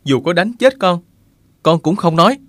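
A woman's voice: on the low side, lively intonation, normal speed, no echo, clean studio sound, voice pushed down, close to an everyday voice. A woman voicing a defiant, grieving young boy in a storybook reading, in an earnest voice. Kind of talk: audiobook character voice.

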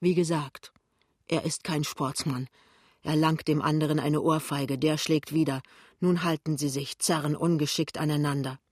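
A man reading a novel aloud in a steady, plain storytelling manner. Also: fairly high pitch, normal speed, no echo, studio quality. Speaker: reader. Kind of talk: literary reading.

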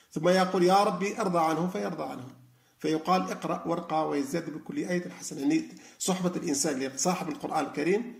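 A man's voice: a little high, vocal fry, roomy sound. A man giving a spoken religious lesson, explaining with frequent fillers and restarts. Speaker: lecturer on Quran reflection.

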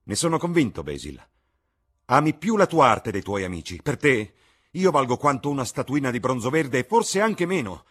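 A man's voice: mid-range voice, sing-song, moderate pace, a bit bright, husky, pitched above the performer's own voice. A man voicing a vain, desperate young man terrified of growing old, speaking in a strained, impassioned way. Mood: anguished.

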